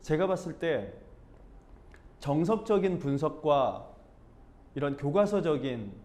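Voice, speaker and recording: A man's voice: fairly high pitch, slow pace. A man from teaching a speech lesson, telling his own story and acting out quoted lines in different voices. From Busan, South Korea. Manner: animated, acts out quoted dialogue in voices. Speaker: speech coach. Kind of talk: talking-head lesson, storytelling.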